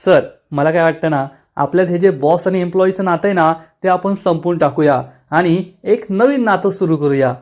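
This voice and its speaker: A man's voice: high-pitched, moderate pace, hardly any pauses, darkish tone, lightly acted. A man voicing a cheeky young woman employee in a TV serial recap, speaking in a bubbly, teasing way. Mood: playful.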